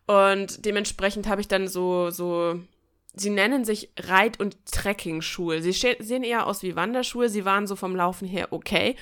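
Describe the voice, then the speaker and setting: Speaking at a normal speed in a mid-range voice, a podcast host chats casually and tells personal stories. She is expressive and colloquial, joking as she goes.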